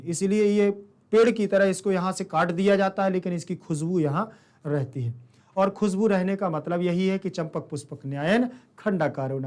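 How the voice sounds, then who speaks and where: A male teacher giving a classroom lecture, who asks his students questions and then answers them himself. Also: high-pitched. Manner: calls listeners "beta".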